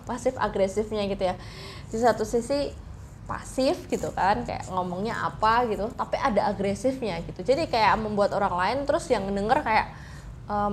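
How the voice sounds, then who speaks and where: A woman explaining things in a casual, informal chat, mixing in English phrases. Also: mid-range voice. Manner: informal, mixes English phrases into her talk. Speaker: host explaining psychology with personal stories. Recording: clear background noise.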